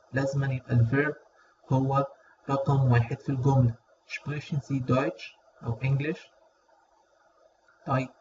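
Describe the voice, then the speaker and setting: Egyptian man teaching, dull lo-fi sound. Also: mid-range voice. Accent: Egyptian Arabic. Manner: repeats words slowly and drawn out, checks in with listeners. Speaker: German language teacher. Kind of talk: casual spoken lesson. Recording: dull lo-fi audio with faint noise.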